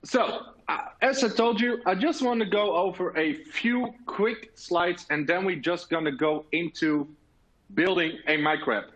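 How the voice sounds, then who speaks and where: With a high, bright voice and an unhurried pace, a man from the Netherlands presents at a virtual conference in a muffled recording. A native Dutch speaker with the accent to match, he's earnest, often using filler sounds and restarting his sentences.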